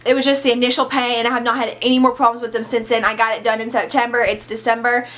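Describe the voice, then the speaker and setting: A young woman telling a candid storytime in a casual vlog, chatty and animated, swearing freely. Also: a little high, fast. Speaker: vlogger.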